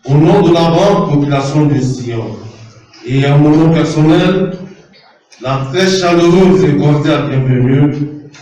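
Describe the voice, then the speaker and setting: Man, formal welcome speech, measured, mellow tone, distant microphone, strong echo. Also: fairly high pitch. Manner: ceremonial, measured phrasing. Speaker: official giving welcome address. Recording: very echoey, distant public address.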